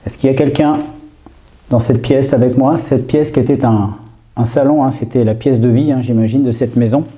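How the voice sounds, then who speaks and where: Sniffling from a heavy cold, a man calls out to spirits in a hushed, hesitant way during a live ghost-hunting vlog, trailing off and restarting often. He's a paranormal investigator in an empty old house at night. His mid-range voice keeps a steady tone at normal speed.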